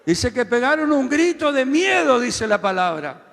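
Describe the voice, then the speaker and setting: A pastor preaches in a very high, bright voice that carries through a long-reverberating hall. He tells his story, then rises into loud, shouted exhortations for his congregation to repeat. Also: very animated, normal speed, gravelly. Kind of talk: sermon.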